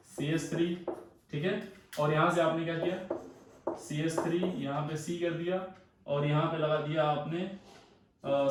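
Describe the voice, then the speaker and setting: A man's voice: on the high side, distant mic, background noise. A man teaching chemistry in a lecture, mixing Hindi and English, calling students "beta" and asking then answering his own questions. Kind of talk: classroom lecture. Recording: very echoey room, voice from the mic.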